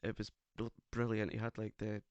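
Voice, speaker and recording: English male podcast co-host, camp and teasing, gravelly edge, dry close-miked sound. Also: fairly low pitch, completely flat delivery, fairly quick, a little mellow, no echo, muffled recording. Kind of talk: casual chat. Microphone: studio microphone.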